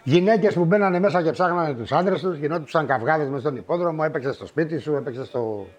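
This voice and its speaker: A middle-aged man telling old stories in a wry, unhurried way, with many asides and fillers. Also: on the high side. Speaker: storyteller. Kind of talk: spoken reminiscence.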